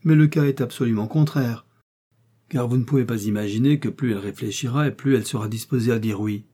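A man's voice: mid-range voice, fast, warm tone, husky, natural voice. Man playing a scheming, scornful sister. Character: scheming, contemptuous young woman.

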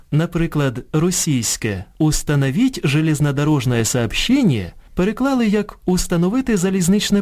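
A man presenting a scripted educational radio programme. He reads in a measured way, contrasting correct and incorrect forms one by one. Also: fairly high pitch, mellow. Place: radio studio.

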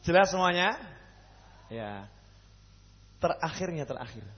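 High husky voice, javanese accent guy preaching a sermon, asks the crowd stuff, muffled sound. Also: a little slow, long reverb tail. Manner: questions the crowd, jokey, lively. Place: mosque hall.

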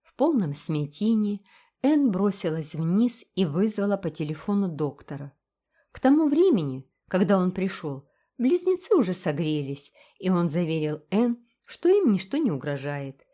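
Mellow-voiced woman narrating a story. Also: lowish voice, moderate pace. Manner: even, storytelling delivery. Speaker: audiobook narrator. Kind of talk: scripted narration.

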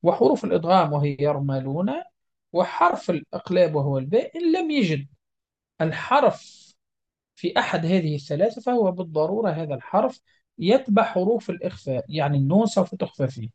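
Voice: mid-range voice, very animated, quick pace, darkish tone, lo-fi sound. A Quran recitation teacher giving a methodical, step-by-step lesson, repeating each example and drawing out the nasal sounds to show them.

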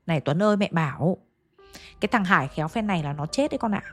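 A woman voicing a stern older village mother who foresees fate, speaking bluntly and insistently, a little lower than her own voice. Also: animated, fast talker. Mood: grave.

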